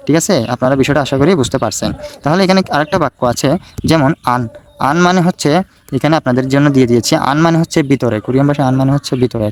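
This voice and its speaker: A man with a Bangladeshi Bengali accent teaching a casual language lesson, repeating himself and often checking that listeners follow. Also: medium pitch. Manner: repetitive, checks in with "ঠিক আছে?". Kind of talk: casual screen-recorded lesson.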